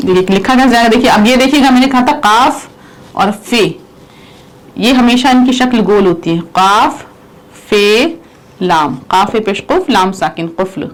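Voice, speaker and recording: Recorded in low quality, this clip has a woman teaching Urdu in a slightly high voice. She repeats words and walks through their pronunciation and spelling.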